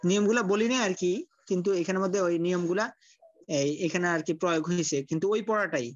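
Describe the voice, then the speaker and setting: A man teaching Quran recitation in an online class, speaking colloquially, often repeating himself and sounding out syllables slowly. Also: high voice, no echo, highs cut off.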